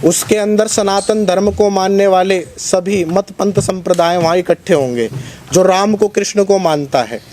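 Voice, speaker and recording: A man speaking as a religious organisation's spokesman at a press conference, in a forceful, combative preaching tone. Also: high voice, normal speed, slight background noise. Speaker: Arya Samaj spokesman.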